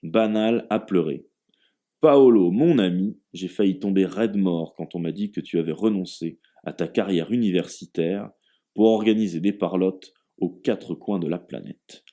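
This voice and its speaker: Man doing a booming jovial Italian host. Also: normal speed. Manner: loud, hammering the words. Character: boisterous hearty older Italian man host.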